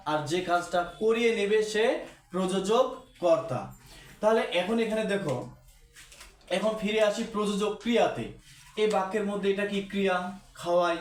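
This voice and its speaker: A man teaching a grammar lesson to a class, asking questions and repeating the key terms. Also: high voice. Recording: echoey room.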